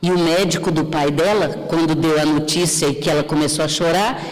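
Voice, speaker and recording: A woman's voice: sits low, steady tone, fairly quick. A woman lecturing on grief at a spiritist gathering, chatty and acting out little scenes, often checking in with the audience. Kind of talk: lively religious lecture. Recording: echoey hall with long reverb.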